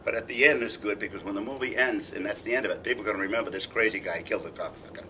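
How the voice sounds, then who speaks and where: Rambling older man, bright-edged voice. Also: fairly low pitch, racing, slight background noise. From Boston. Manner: animated, rambling, profane storyteller. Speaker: interviewer. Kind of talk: casual interview chat. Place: press junket room.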